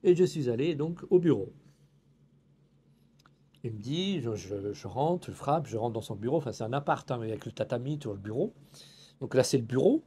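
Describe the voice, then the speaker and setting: Man from France, young, casual vlog storyteller with a warm, slightly husky voice; animated, acts out the other people. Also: mid-range voice, moderate pace, pauses often. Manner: animated, acts out dialogue, drops in Japanese phrases. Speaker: YouTuber telling a personal story.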